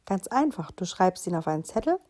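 A woman reading aloud and voicing a cheerful mother giving brisk, simple advice. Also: fairly low pitch, very animated, dark tone. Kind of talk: read-aloud storybook voice.

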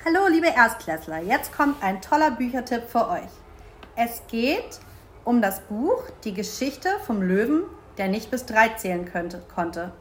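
A woman reading picture books aloud for young schoolchildren, in a bright, lively storytelling manner. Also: a little high, a little slow, slight background noise.

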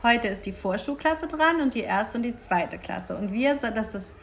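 A woman reading picture books aloud for young schoolchildren, in a bright, lively storytelling manner. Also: on the high side, moderate pace, a little hiss or hum.

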